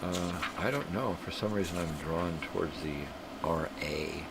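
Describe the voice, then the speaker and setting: An older man with a cold, sniffly throughout, hosts a live stream full of rambling, profane, casual asides. He speaks low-pitched at a measured pace over a clear background hum.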